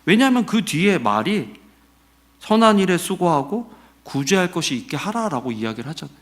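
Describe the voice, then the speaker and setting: During his Sunday sermon, a middle-aged pastor speaks briskly in a high voice. His style is lively and conversational, with questions aimed at the congregation and quotes acted out.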